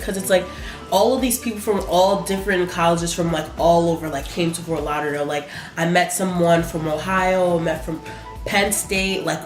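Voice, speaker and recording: A young woman with a notably low voice chats casually over breakfast, rambling along and leaning on "like" constantly. The room sounds roomy and echoey, with faint music playing behind her. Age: young adult. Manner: rambling, heavy use of "like". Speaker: co-host. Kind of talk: casual chat while eating.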